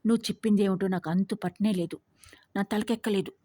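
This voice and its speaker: A woman voicing an anxious but bold young woman who questions sharply and loudly, in a husky voice. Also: medium pitch, fairly even intonation, quick pace, no room sound, natural voice. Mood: startled, eager.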